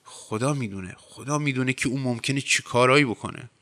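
A man reading aloud voices a stern middle-aged mother who runs a farm, speaking in a high, firm way. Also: bright, forceful tone. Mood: brooding. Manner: high, firm and severe delivery.

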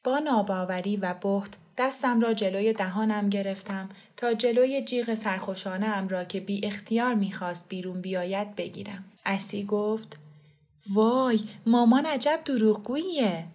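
A woman reading a story aloud as an audiobook narrator in a calm, even way. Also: medium pitch, few pauses. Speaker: audiobook reader.

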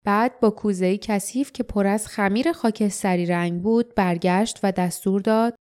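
A woman reading an audiobook aloud in a calm, even narration. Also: mid-range voice, smooth. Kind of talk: scripted narration.

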